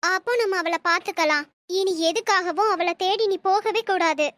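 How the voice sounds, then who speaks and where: Woman voicing a stern shrill mother. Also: moderate pace, a bit bright, no echo. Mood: soothing. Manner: scolding then coddling. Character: stern possessive middle-aged mother. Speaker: mother of the young man. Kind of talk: storybook voice drama.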